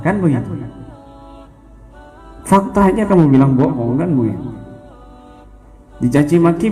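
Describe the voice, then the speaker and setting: Animated male preacher giving a sermon. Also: on the high side. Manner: animated, questioning the audience.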